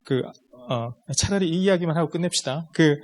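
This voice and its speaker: A man's voice: fairly high pitch, moderate pace. A man giving a seminar lecture to parents, explaining step by step and putting rhetorical questions straight to the audience. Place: lecture room at a school.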